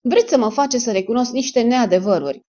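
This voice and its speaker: A shaken, cornered male dentist under arrest, as a woman reader puts him on, tense and protesting. Her voice turns louder than her narration, with a dark, mellow tone. The recording is dull and lo-fi. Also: a little high, expressive, pitched above the performer's own voice.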